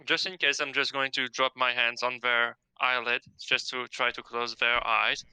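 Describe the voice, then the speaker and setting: Brief: male player, very bright and crisp tone, dry close sound. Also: mid-range voice, level tone, moderate pace, no echo, rough recording. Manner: careful, checking details with questions. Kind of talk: casual tabletop game chat.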